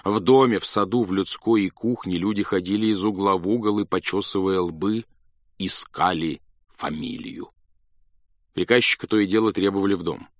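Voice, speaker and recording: A man narrating a classic story in an expressive, dramatic manner. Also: low-pitched, normal speed, no echo. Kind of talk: storybook reading.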